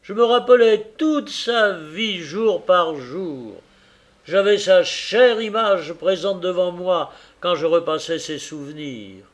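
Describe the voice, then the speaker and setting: A man reading aloud voices a heartbroken, humble carrier, speaking earnestly and slowly with a gravelly tone. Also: a little high. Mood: sorrowful. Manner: earnest, grieving, forgiving.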